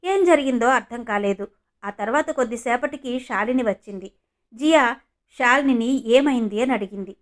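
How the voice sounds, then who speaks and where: Female storyteller, scripted narration, slightly high voice, steady delivery. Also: moderate pace.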